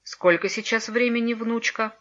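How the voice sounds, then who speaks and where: A woman voicing a kindly old male wizard and grandfather in a storybook reading, speaking gently and solemnly. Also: fairly high pitch, steady tone, moderate pace, pitched above the performer's own voice, lightly acted. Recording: dull lo-fi recording.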